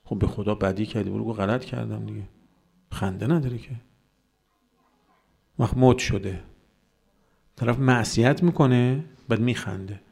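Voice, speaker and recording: A man's voice: on the low side, vocal fry, long pauses, a little mellow, husky. A man giving a religious sermon, arguing with rhetorical questions and mocking the views he rejects. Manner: argumentative, rhetorical questions, mocking quoted voices. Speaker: cleric.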